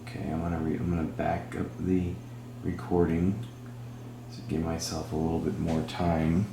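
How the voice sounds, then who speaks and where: A man hosting a spirit box session, speaking in halting short phrases and putting questions to a spirit. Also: deep voice, flat delivery, gravelly. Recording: roomy echo with humming background noise.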